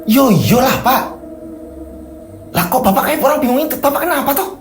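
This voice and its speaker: A man's voice: very high voice, lively intonation, moderate pace, echoey room, faint music behind, voice pushed up. A man voicing a healer's middle-aged wife, scolding and questioning her husband. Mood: nagging.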